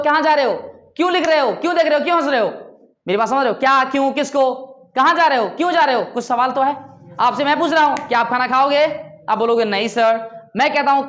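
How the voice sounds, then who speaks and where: Indian male English tutor, high-pitched, patient classroom lecture style, checks understanding often. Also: fairly bright tone. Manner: slow, spelled-out English, quick Hindi explanations, keeps checking understanding. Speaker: English teacher.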